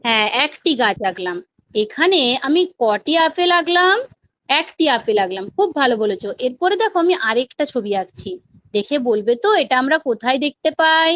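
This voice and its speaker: A woman with a high, bright voice teaches a class, patiently putting questions to her pupils and then answering them herself. The sound is close and dry. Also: big pitch swings, a little fast, dry recording, dull audio. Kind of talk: demo classroom lesson.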